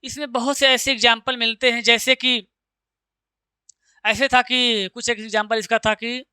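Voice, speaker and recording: Crisp bright male teacher. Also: extremely high pitch, flat delivery, no echo. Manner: recites verse lines slowly, quizzes with rhetorical questions. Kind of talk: exam-prep lecture.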